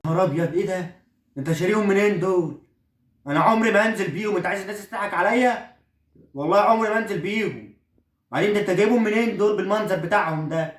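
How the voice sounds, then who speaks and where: A man's voice: sits high, very fast, lightly acted. A man with an Egyptian accent playing an indignant teenage son in a comedy sketch, scornfully refusing the clothes he was given. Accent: Egyptian Arabic. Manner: outraged, scornful protests. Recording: roomy echo, voice far from the mic.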